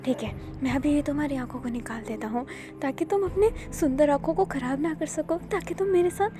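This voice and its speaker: A woman voicing an unhinged male doctor obsessed with eyes, talking in a rapid, sing-song, pleading insistence in a fan-fiction story. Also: high-pitched, over music, natural voice. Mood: cold insistent.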